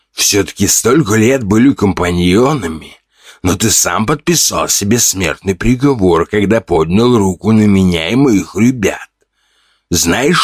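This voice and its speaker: A man's voice: low-pitched, no room sound, studio quality. A man voicing a cruel, mocking bandit leader in an audiobook, speaking with contempt. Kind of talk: audiobook character voice.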